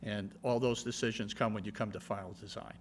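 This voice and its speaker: A man's voice: lowish voice, steady tone, fairly quick. Matter-of-fact man explaining over audible hum. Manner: matter-of-fact, checking with "okay?". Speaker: project engineer. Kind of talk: explanatory answers at a public meeting. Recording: noticeable background hum and noise.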